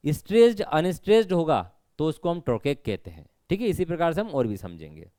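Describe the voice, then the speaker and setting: Male tutor, higher-pitched, clear and dry, methodical exam-prep teacher. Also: sing-song, brisk, a little mellow, no echo. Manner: explains step by step, asks and answers his own questions; stresses rote learning with repeated reminders.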